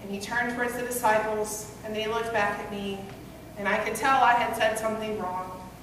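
A young woman pastor, speaking as Peter, gives a first-person dramatic monologue sermon from a church pulpit with an earnest, conversational storytelling style. She has a mid-range, fairly bright voice, fairly even intonation, and a moderate pace. Recorded through a gooseneck pulpit mic with a far camera, the echoey hall makes it sound distant and noisy.

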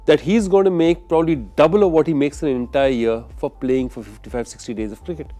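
Older man, dark mellow pundit voice. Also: fairly high pitch, quick pace, faint music behind. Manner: animated, gestures while talking, mocking asides. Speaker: cricket pundit. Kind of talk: studio panel discussion. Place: TV studio, indoors. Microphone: lapel mic.

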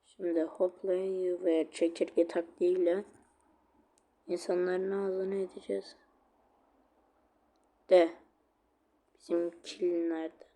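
A male gaming creator giving casual commentary over his match, chatty and quick to get annoyed when the game freezes. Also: sits high, flat delivery, dark tone. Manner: chatty, easily annoyed, swears at lag; repeats a sing-song catchphrase.

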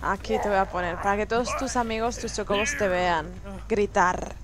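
A woman's voice: medium pitch, moderate pace. A young woman with a Spanish accent from Spain, streaming a game and teasing the other players with playful taunts and laughter. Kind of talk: live gameplay commentary. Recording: noisy stream audio.

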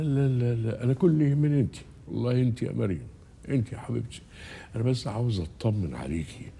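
A flattering, scheming Egyptian uncle. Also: male voice, fairly low pitch, gravelly, a little hiss or hum. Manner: sweet-talking, coaxing, repeats himself. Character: scheming, flattering male uncle wheedling his niece.

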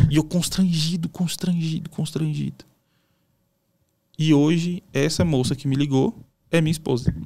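A man's voice: medium pitch, darkish tone. A Brazilian man, a pastor guest on a podcast, telling a personal testimony in a casual, emotional, storytelling way with colloquial asides. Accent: Brazilian Portuguese.

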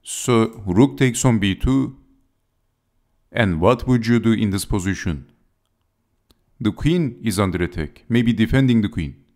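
A man's voice: fairly low pitch, expressive, measured pace, long pauses, darkish tone. A man giving scripted chess game commentary as narrator, speaking in short, clipped move-by-move phrases.

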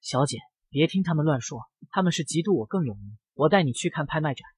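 A scheming young socialite, sugary to the powerful and spiteful to rivals, voiced by a male narrator. The voice sits a little high with a husky edge, and it is recorded close and dry. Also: animated, fast, no room sound. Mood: fawning. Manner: fawning, then shrill and spiteful. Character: scheming young woman posing as heiress.

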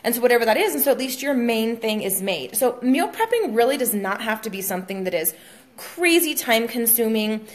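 A young adult fitness coach talks briskly in a high, sing-song voice from her home kitchen. The casual tutorial vlog is chatty and full of fillers, she calls her audience "guys," and it's shot on a phone at arm's length.

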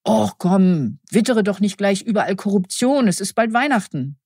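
A woman voicing Marion, a brisk lab doctor. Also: medium pitch, animated, a little mellow, breathy edge, dry recording, studio quality. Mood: chatty. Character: adult female hospital lab doctor, defensive.

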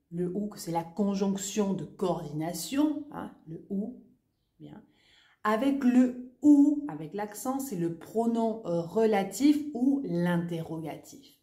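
A woman teaching French in an online lesson, explaining patiently and clearly and moving between French and Spanish. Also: lowish voice, warm tone, echoey room. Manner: explains slowly and clearly, checking in with "hein" and "d'accord"; switches between French and Spanish for her students.

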